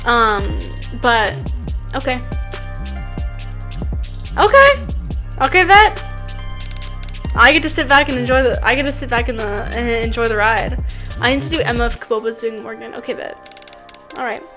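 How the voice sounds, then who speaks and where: A young woman streaming, chatting casually in a bubbly, excitable way with quick asides. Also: fairly high pitch, music in the background. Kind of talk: casual live-stream chat.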